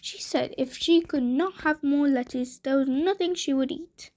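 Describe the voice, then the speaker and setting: A woman narrating a bedtime story for children in a gentle, deliberate way. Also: high voice. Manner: slow, gentle, deliberate reading.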